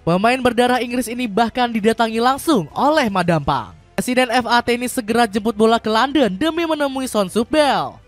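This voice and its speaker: A woman narrating scripted football news as a voice-over, in a steady read-aloud delivery that drops in pitch at sentence ends. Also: a little fast, hardly any pauses, soft background music.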